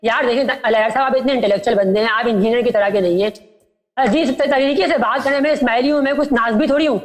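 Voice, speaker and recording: A man calling in to a religious debate who insists on being heard out. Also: very high-pitched. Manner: insistent, keeps asking to be heard out. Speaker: caller.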